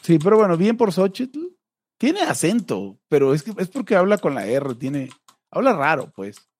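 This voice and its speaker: A man's voice: fairly high pitch, sing-song, normal speed, a little mellow, dry recording. A man with a Mexican accent, co-hosting a podcast in casual chat, thinking aloud with many fillers. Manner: musing, hesitant with fillers. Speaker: podcast co-host.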